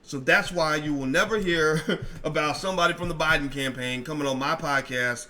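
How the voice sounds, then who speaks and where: A man's voice: fairly high pitch, moderate pace, sharp tone. A man podcast host speaking in a blunt, emphatic monologue, repeating phrases, with a slight odd sound in his teeth from dental work. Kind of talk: opinionated monologue to camera.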